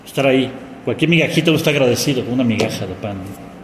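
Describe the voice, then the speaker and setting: A man with a Mexican accent preaching a reflective sermon, often pausing to ask "¿no?" and restarting his phrases. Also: medium pitch, expressive, slight background noise. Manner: reflective, with frequent rhetorical "¿no?" and restarts. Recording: echoey hall with long reverb.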